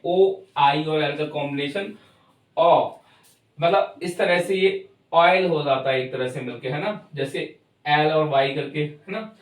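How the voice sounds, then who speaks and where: A man teaching English pronunciation, explaining step by step and often checking in with his students. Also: fairly high pitch. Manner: explains slowly and checks in with "thik hai". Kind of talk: pronunciation lesson. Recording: echoey room, far from mic.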